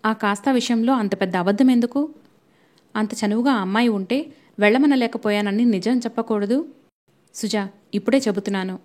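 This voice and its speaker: A woman voicing a quick-tempered young husband who scolds sharply and sternly, in a storybook reading. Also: medium pitch, a little mellow, lightly acted.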